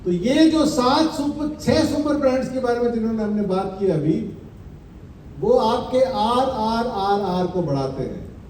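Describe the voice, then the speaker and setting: A man giving a motivational business presentation, quizzing his audience with rhetorical questions and repeating slogans slowly for effect. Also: very high-pitched, lively intonation, darkish tone, a little hiss or hum. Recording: echoey hall, mic at a distance.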